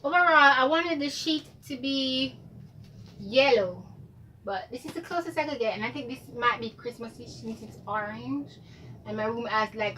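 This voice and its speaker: A woman's voice: on the high side, sharp tone. A young woman from Jamaica chatting casually and rambling a little in a home vlog, a bit tired. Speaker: vlogger. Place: bedroom at home. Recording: distant mic with clear room noise.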